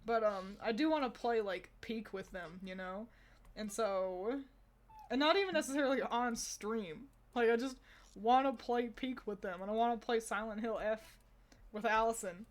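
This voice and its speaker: Giggly high-voiced woman streamer. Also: normal speed. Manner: rambling and giggly, laughs often between thoughts. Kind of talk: casual chat with stream viewers.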